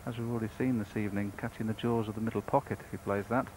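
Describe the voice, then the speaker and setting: A man's voice: on the low side, steady tone, very fast. A man commentating live on snooker, talking through the play in an analytical, conversational way. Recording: noisy broadcast background.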